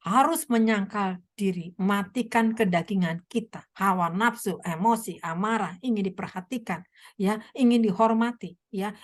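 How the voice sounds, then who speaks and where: A woman evangelist preaching a sermon with a hoarse voice, telling stories and asking the listeners many rhetorical questions. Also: a little high. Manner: animated storytelling, frequent rhetorical questions. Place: online meeting.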